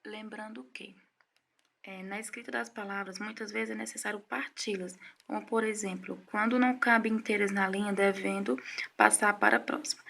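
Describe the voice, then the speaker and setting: Gravelly-voiced woman teaching a lesson. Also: mid-range voice, fairly even intonation, a bit bright. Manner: measured, explaining slowly with frequent "certo?" checks. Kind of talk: recorded Portuguese lesson.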